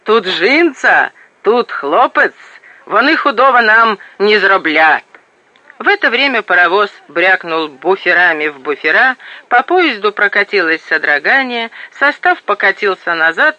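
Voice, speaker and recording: High, bright-voiced male audiobook narrator. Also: no echo. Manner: lively, vivid storytelling. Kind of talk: expressive audiobook reading. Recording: dull lo-fi audio.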